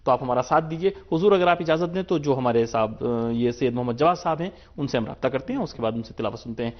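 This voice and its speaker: A man's voice: medium pitch, expressive, highs cut off. A man hosting a religious TV program, speaking politely and formally with frequent short affirmations. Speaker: TV program host.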